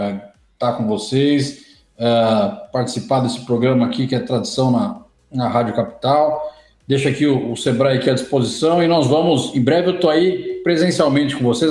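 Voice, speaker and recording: A man's voice: mid-range voice, moderate pace, a little mellow, reverberant. A man, a guest calling into a radio show, thanking the hosts with some hesitant filler.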